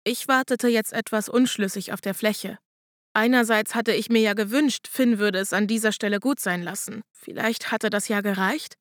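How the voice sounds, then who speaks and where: A woman narrating a first-person audiobook in a steady, measured reading voice. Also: medium pitch, dry recording, clean studio sound.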